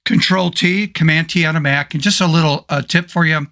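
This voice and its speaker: A man with a hoarse voice, casually talking through a photo editing tutorial step by step. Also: on the high side, steady tone, quick pace, sharp tone. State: hoarse, losing his voice. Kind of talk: screen-recorded software tutorial.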